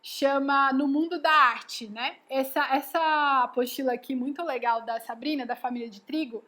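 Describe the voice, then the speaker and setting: A woman's voice: sits high, normal speed, sharp tone. A woman giving a casual live lesson, explaining step by step and often checking in with "né?" and "tá bom?". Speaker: educator giving a live class.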